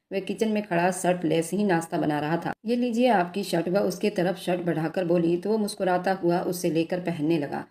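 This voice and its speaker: Low, mellow woman narrating a story. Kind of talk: scripted romance story narration.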